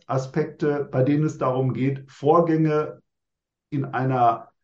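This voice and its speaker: A man in his sixties lays out his thoughts step by step in formal, orderly phrases. His voice sits at a middle pitch. The room sounds echoey and the recording is somewhat dull. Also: a little mellow. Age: 60s. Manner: measured, structured, formal wording. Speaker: interviewee. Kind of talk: reflective interview answers.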